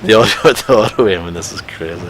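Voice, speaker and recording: This co-host of a video game stream has a deep voice and talks fast, trading wry banter during casual chat as the game plays. The recording quality is low, and video game music runs underneath.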